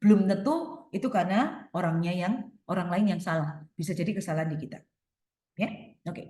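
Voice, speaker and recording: The echoey room holds a woman fielding audience questions at a webinar, giving advice in a lowish, mellow voice that's fairly quick with lively intonation. She leans on everyday examples and rhetorical questions to explain her points.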